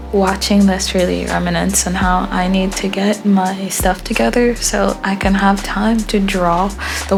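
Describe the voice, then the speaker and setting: Drawing as she talks, a young woman artist vlogger rambles in a relaxed voice-over full of ums and asides. Her pitch is ordinary for a woman, with faint, soft music behind her. She was born in Haiti and grew up in Florida.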